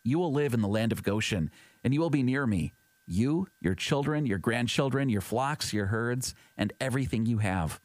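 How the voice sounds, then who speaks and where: A man reading scripture aloud in a measured, even way, giving quoted speech in his plain voice. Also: medium pitch, no echo. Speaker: scripture reader. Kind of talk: steady scripted Bible reading.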